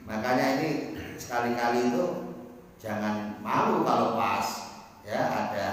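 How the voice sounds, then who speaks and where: Slow-talking religious teacher in an echoey hall. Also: male voice, mid-range voice, recorded from a distance, slight background noise. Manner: unhurried, demonstrates chanted recitations. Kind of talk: informal religious lesson.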